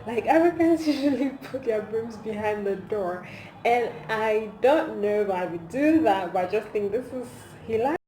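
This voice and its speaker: Her voice is a little high and her pace normal as she shoots a comedic phone vlog. The woman, who has a Nigerian accent, sounds amused and animated, leaning on emphasis and rhetorical questions, in an echoey room with clear background noise.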